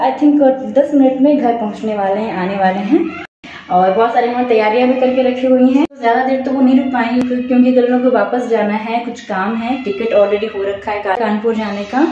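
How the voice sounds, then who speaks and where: Woman vlogger, casual chat, fairly high voice, very echoey room, dull lo-fi sound. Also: mellow, slight background noise. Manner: chatty, mixes in English words. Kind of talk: casual vlog talk. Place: at home indoors.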